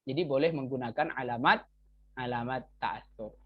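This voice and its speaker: A woman teaching Arabic grammar, reading example sentences aloud and explaining them in a relaxed, chatty way with fillers. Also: rumbling low, normal speed, breathy edge, no room sound. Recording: dry, dull lo-fi recording.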